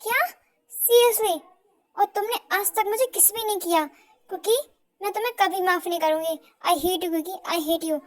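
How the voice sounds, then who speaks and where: A woman's voice: extremely high pitch, steady tone, normal speed. A woman voicing a spurned, scheming young girlfriend who speaks sharply and scornfully, in an amateur fan audio drama.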